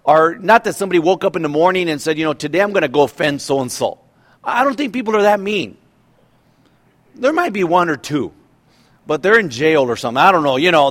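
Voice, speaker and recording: A man in his fifties preaches in an easy, conversational way. His voice sits a little high for a man, and he keeps asking his listeners questions and restarting his sentences. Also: a bit bright. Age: 50s. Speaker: pastor. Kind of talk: sermon.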